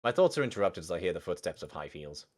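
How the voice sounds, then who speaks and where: A man's voice: sits low, very animated, quick pace, darkish tone. A man reading a visual novel aloud in first person, breaking off for swearing, laughing asides.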